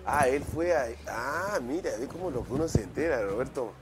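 Host, Peruvian man, middle-aged, excitable and warm-hearted, animated voice over music. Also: medium pitch, moderate pace. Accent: Peruvian Spanish. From Peru. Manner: jovial, excitable, laughing often. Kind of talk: casual chat over a toast.

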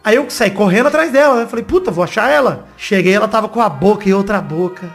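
A man's voice: high-pitched, quick pace, soft background music. A man, co-hosting a podcast and telling a slangy, laughing story in casual chat. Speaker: podcast co-host.

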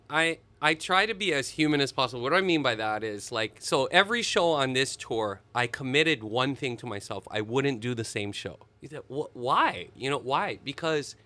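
Bright-voiced man telling stories. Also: mid-range voice. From Hawaii. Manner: animated, expressive storyteller with sudden laughs. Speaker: musician guest. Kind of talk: casual storytelling interview.

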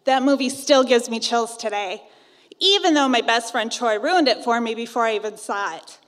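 A woman's voice: a little high, normal speed, fairly bright tone, big-room sound. A woman in her thirties from Iowa, narrating a personal ghost story in a wry, conversational way. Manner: wry, conversational, self-teasing.

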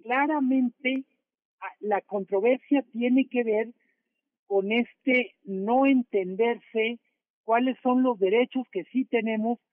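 A man's voice: very high-pitched, takes it slowly, no room sound. A man with a Mexican accent, a newspaper editor, explaining carefully in a phone interview. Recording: tinny phone line.

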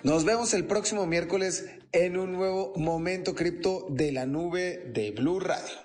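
A man's voice: high voice, a little slow, noisy background. A man delivering a prepared radio news commentary. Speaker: radio crypto segment commentator.

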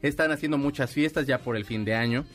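A man's voice: mid-range voice, fast, faint music behind. A man with a Mexican accent hosting a radio show, chatting casually and telling rambling stories with a playful tone. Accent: Mexican Spanish. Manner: playful, rambling storyteller with laughs. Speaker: radio host.

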